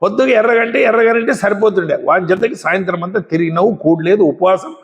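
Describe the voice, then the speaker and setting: Man doing a wise old lion king, calm, lecturing, highish voice, echoey hall. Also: fast, dull audio. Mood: scolding.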